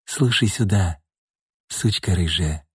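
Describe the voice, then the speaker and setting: A man's voice: very animated, unhurried, darkish tone, husky, dry recording, clean studio sound. A man reading an audiobook voices a smug, menacing middle-aged thug who mocks and threatens. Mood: sneering. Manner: sneering, mocking, low menacing threats.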